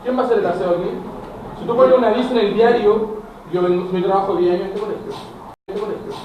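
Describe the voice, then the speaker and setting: Animated Chilean teacher in an echoey classroom. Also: male voice, sits high, fast, muffled recording. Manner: animated, addresses students directly, acts out dialogues. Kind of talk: classroom lecture. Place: school classroom. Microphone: camera at a distance. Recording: very echoey classroom, far from mic, noisy.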